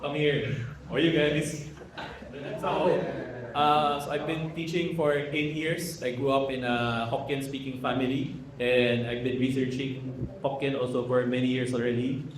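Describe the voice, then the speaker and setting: A man's voice: medium pitch, level tone, a little slow. A man from the Philippines, a Hokkien language instructor, giving a casual workshop lecture to a live audience and asking the room questions. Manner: casual, code-switches with Tagalog fillers, asks the room questions. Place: large echoey room with audience. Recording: echoey hall with crowd.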